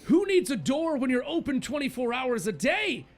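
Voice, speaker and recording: A man's voice: sits high, normal speed, soft background music, close to an everyday voice. A man voicing a grateful, jovial tavern bartender who exclaims his thanks in a raised voice. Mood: overjoyed. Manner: effusive, exclaiming.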